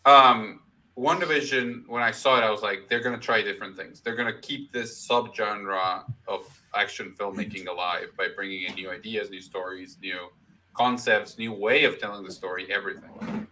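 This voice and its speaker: Low bright-toned critical man. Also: normal speed, a little hiss or hum, rough recording. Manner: critical, hesitant, repeats words when starting. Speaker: podcast co-host. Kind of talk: casual chat.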